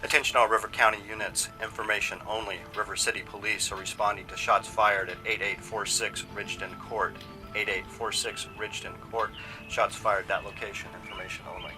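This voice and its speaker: Low-voiced monotone radio dispatcher, clipped police-radio calls, music underneath. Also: male voice, fairly quick, low-quality recording. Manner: flat, clipped dispatch delivery, repeats the address. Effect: police radio broadcast. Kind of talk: scripted dispatch call.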